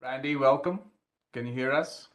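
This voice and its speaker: A man running a live-streamed panel over a video call, explaining things helpfully with small restarts. His voice is bright and forward at an ordinary middle pitch. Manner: helpful, slightly halting with restarts. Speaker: event organizer. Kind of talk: casual video-call chat. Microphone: computer mic on a video call.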